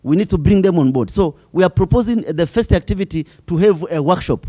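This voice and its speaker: A man's voice: high voice, lively intonation, brisk, mellow, no echo. A man with a Tanzanian accent gives a semi-formal presentation as a youth delegate, hesitating and repeating words as he goes.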